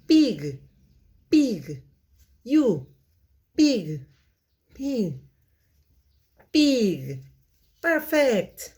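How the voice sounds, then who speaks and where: A woman's voice: medium pitch, darkish tone. A woman leading a children's singalong lesson as a teacher, in a singsong, repetitive manner for young learners. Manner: singsong, repeating words slowly for young children. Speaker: children's English teacher, host.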